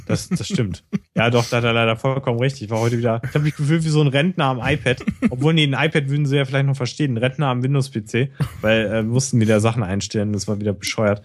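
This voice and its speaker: A man co-hosting a casual podcast chat, teasing and sarcastic with an animated delivery. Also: mid-range voice, fast talker, no room sound. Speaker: podcast co-host.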